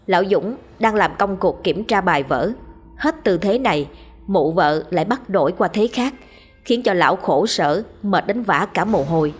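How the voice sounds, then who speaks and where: A woman narrates a horror story with steady drama, her voice husky and set fairly low. Faint music plays softly behind her. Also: normal speed.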